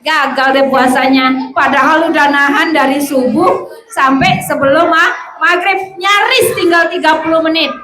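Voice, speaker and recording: A woman giving a lively classroom lesson to children as a religious teacher, often quizzing and hushing the pupils. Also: high-pitched, moderate pace, crowd noise. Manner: lively, calls out to hush and question pupils. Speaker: religious teacher at a school Ramadan camp. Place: school hall with children. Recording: echoey hall with background noise.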